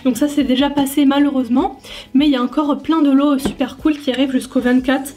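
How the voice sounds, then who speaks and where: A woman's voice: high-pitched, steady tone, brisk, darkish tone. A young French woman chatting casually through a makeup review, thinking aloud with lots of fillers. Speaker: beauty vlogger.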